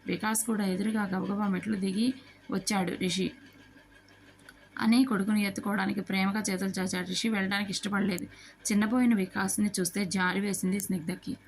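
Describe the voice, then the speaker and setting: A woman narrates a family story at an even, everyday pitch. She gives every character's lines in her own voice and mixes English words into her sentences. Now and then she slips on a word and starts it again. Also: fast talker, slight background noise. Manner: reads dialogue of all characters in her own voice; occasional slips and restarts.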